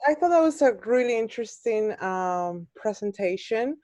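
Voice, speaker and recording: A woman's voice: a little high, expressive, normal speed, a little mellow, dry recording. A woman from Peru, speaking hesitantly in a class discussion over a video call. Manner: hesitant, many um and like.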